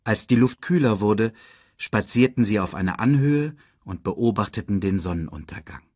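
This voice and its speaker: Male audiobook narrator; measured, lively intonation, dry studio. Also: lowish voice, no echo. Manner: slow, measured reading. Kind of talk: scripted storybook narration.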